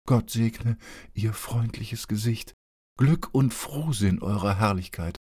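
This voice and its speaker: A man reading an audiobook, voicing a plump, friendly woman gatekeeper who speaks warmly and slowly. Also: lowish voice, husky, dry recording, studio quality, voice pushed up. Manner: warm, blessing, slow.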